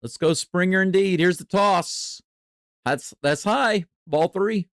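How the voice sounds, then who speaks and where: A man doing live baseball play-by-play and reaction in a chatty, excitable way. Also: sits high, slow pace, no room sound, studio quality. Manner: excitable, chatty, jumps from calm to loud cheering. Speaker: play-by-play streamer.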